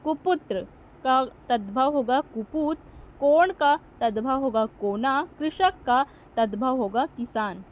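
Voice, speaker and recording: A woman's voice: high-pitched, slow pace. A woman teaching a grammar lesson, asking questions and answering them herself, correcting her own slips as she goes.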